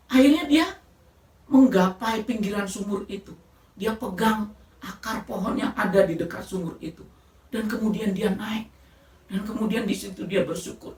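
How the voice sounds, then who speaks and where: A woman preacher giving a sermon, telling a story in an animated way and often addressing the congregation directly. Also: a little high, roomy sound, recorded from a distance. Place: church.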